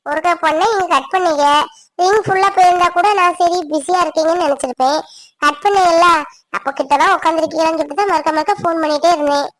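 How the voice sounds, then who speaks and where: A woman voicing a timid young female college student in an animated village drama, with a gentle, apologetic, girlish manner. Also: extremely high pitch, fast. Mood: pleading. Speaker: cartoon voice actor.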